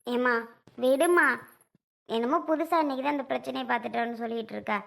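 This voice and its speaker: Woman as a worn-out young wife, low and soft, gravelly edge. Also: quick pace. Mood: weary. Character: weary young wife, unwell, placating.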